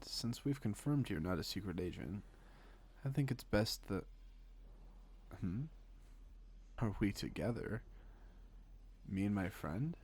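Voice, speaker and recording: A man with a creaky, lowish voice plays a suave, teasing secret agent in a scripted audio roleplay. His heavily acted delivery mixes wry politeness with calm menace, an unhurried conversational patter broken by pointed pauses, addressed one-sidedly and intimately to the listener.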